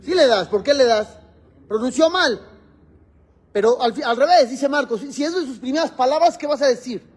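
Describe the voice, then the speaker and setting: A man's voice: very high voice, moderate pace, slightly rough. A man, a rabbi teaching a religious class in a classroom, explaining step by step and quizzing his students.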